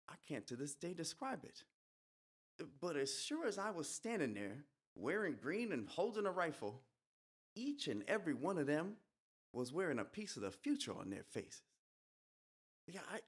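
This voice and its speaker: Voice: medium pitch, breathy edge, heavily acted. A performer playing a young male soldier who has come back from death, telling his tale in a folksy rural dialect as a dramatic monologue. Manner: folksy storytelling with rural dialect, whispered hisses. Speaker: stage performer. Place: live event at an art museum.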